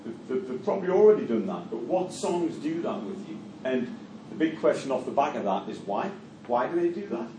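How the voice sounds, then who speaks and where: A middle-aged man from Newcastle, England, speaking with a Geordie accent, lectures a university class and leads discussion in a mid-range voice with big pitch swings, fairly quick and hardly pausing. He hesitates, repeats words, restarts phrases and uses lots of fillers. The sound is echoey and distant, with faint noise.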